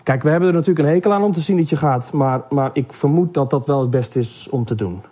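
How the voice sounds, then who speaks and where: A man's voice: a little high, fast, dark tone, husky. A man voicing a male nose, a church leader who speaks sympathetically and asks questions. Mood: resigned.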